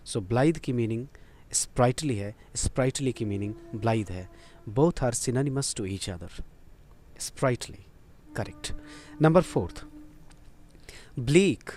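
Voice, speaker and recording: A man's voice: mid-range voice, darkish tone. A man teaching English vocabulary, explaining memory tricks patiently and repeating and spelling out each word.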